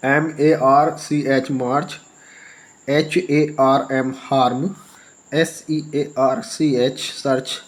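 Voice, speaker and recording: A male English teacher who spells words letter by letter and reads them out slowly for learners, often repeating himself and asking rhetorical questions. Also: medium pitch, little pitch movement, rough recording.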